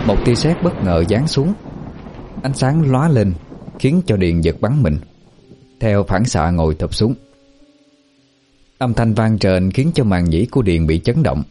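Deep, mellow-voiced man narrating a ghost story. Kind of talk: scripted horror narration.

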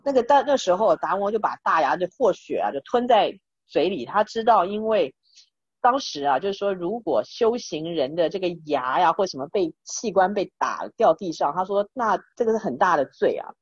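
Speaking expressively at a moderate pace, the woman's lowish, slightly rough voice carries her chatty Buddhist storytelling lesson to listeners. She fills it with restarts and fillers; the recording is dull and echo-free.

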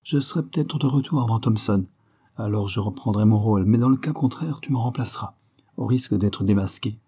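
A man playing a commanding male detective who gives crisp, urgent instructions in an audiobook. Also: lowish voice, brisk, mellow.

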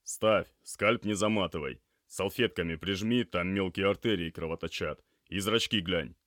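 A man voicing a male emergency doctor who gives terse, steady instructions. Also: low voice, normal speed, no room sound, studio quality.

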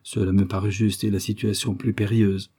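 A man reading a comic old short story aloud as narrator, in a measured, dry manner. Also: on the low side, flat delivery, warm tone.

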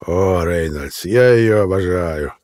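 A man's voice: on the low side, normal speed, dark tone, natural voice. A man voicing a sneering hitman in an audiobook. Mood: mocking. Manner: gloating, then panicked pleading. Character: menacing bearded male hitman, gloating. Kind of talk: audiobook character reading.

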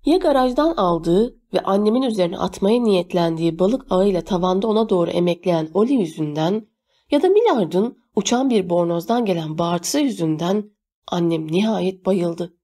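A woman reads a first-person novel aloud in a measured, steady voice. Her tone is mellow and warm, with a rounded, unhurried storytelling delivery. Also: on the low side. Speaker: audiobook narrator.

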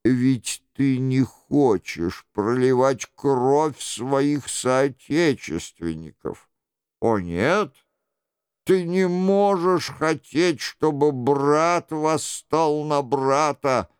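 Man voicing scheming queen mother, coaxing, pleading, very slow, higher voice, clear tone. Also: expressive, a little mellow, dry recording, studio quality.

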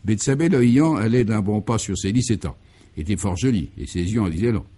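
A man reading scripted comic narration for a radio serial, in a dry, measured storytelling manner. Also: fairly low pitch, lively intonation, warm tone.

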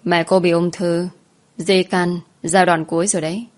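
Weary doctor in his 30s giving bad news slow and flat, woman doing it. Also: lowish voice, close to an everyday voice. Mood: grave. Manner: slow, grave, matter-of-fact. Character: tired male doctor in his thirties, grave.

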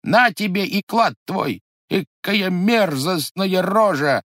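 A man's voice: high-pitched, lively intonation, slow pace, a bit bright, no echo, studio quality, voice pushed up, exaggerated voice. A man voicing a stubborn, grumbling old grandfather who mutters and exclaims to himself. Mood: exclaiming.

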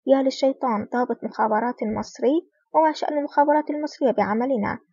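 A woman's voice: high-pitched, quick pace, slightly rough, no echo. A woman reading as a silky, ruthless crime boss. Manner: soft-spoken with a menacing edge. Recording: dull lo-fi recording.

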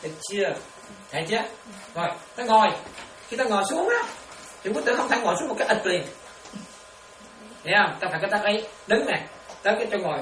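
A woman teaches meditation in a dharma talk, her pitch leaping up and down as she laughs and keeps asking whether everyone follows. She sounds far from the microphone in an echoing room. Steady noise runs underneath her voice. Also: fast talker, long pauses. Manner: lively, laughs often, keeps checking understanding with questions. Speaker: Buddhist nun teaching meditation. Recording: echoey room, distant mic, noisy.

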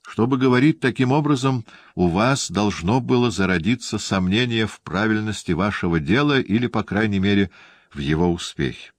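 A man reading the part of a calm, composed nobleman in an audiobook, speaking in a dry, even way. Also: lowish voice, moderate pace, no echo, voice pushed up.

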